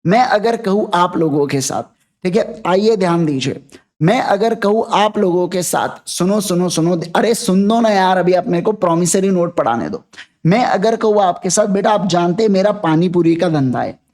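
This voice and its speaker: Male teacher, higher voice, chatty live-class lecturer who quizzes students. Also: animated, moderate pace, a little mellow. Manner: chatty, jokey, keeps asking students to repeat. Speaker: law teacher. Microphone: podcast mic.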